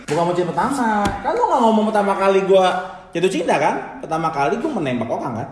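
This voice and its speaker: A man's voice: sits high, sing-song, fast, a little mellow. A man with a Jakarta accent chatting casually in a group, using Jakarta slang. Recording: echoey room, other voices chattering.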